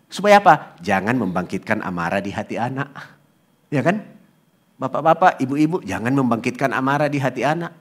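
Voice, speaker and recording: A male pastor preaching at an Easter service, telling animated family stories and often asking the congregation to agree. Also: medium pitch, fairly quick. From eastern Indonesia. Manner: animated storytelling with acted quotes; asks congregation "ya kan?". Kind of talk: sermon.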